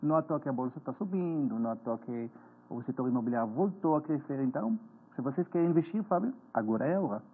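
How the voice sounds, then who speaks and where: Here an Israeli finance author in his forties guests on a TV interview, his medium-pitched voice animated and slightly rough. He explains earnestly in an Israeli accent, hesitating a little, while the sound is tinny like a phone broadcast.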